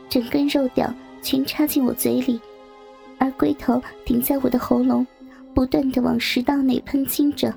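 A woman narrating a first-person adult story in a soft, breathy, near-whispered delivery. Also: high-pitched.

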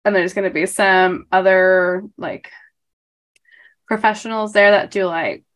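A woman's voice: mid-range voice, fairly even intonation, measured pace. A woman, co-hosting a podcast in casual chat, congested from allergies and laughing often. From New York. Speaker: podcast co-host.

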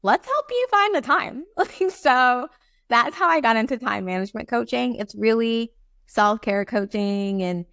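A woman's voice: on the high side, expressive, a little slow, a bit bright, dry recording, clean studio sound. A woman from Barbados, a time management coach, chatting as an interview guest with lots of fillers and an upbeat manner. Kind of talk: casual interview talk.

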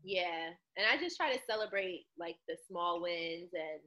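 Soft-spoken woman with a bright edge. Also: fairly low pitch, moderate pace. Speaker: returning guest, author. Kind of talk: casual chat.

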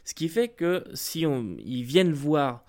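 A man's voice: on the high side, slow pace. A man talking casually to camera about running tabletop role-playing games, with the odd filler. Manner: conversational, lively, with occasional fillers. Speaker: tabletop game master giving advice. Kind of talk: explanatory video talk.

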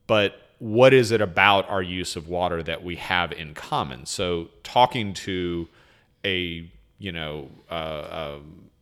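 Deep-voiced man chatting animatedly. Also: slow pace, clean tone. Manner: animated, acts out quotes, frequent restarts. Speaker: podcast guest. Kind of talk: casual chat.

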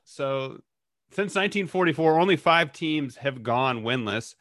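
Relaxed joking man, dry close sound. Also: medium pitch, measured pace, dry recording. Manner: relaxed, joking, tells stories. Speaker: host. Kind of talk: casual sports chat.

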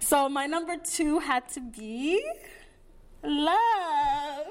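A young woman podcast co-host telling personal stories in casual, slangy, animated chat. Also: a little high, normal speed, crowd noise.

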